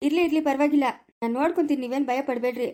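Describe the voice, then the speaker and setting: A cheerful, confident young man heading off to his studies, played by a woman with a Chikkaballapura rural Kannada accent. The voice sits high and moves fast, breezy and teasing, always reassuring. It comes from a homemade family drama. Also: dark tone, close to an everyday voice.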